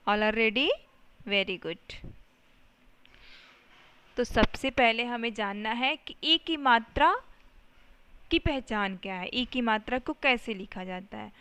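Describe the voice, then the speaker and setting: A woman's voice: fairly high pitch, bright, forceful tone, smooth. A woman teaching a lesson to young children, explaining patiently step by step and often checking that they follow.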